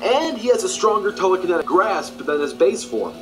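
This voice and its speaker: A man reading a scripted video narration in a brisk, matter-of-fact, informative way. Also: sits high, big pitch swings, rough recording. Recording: background music.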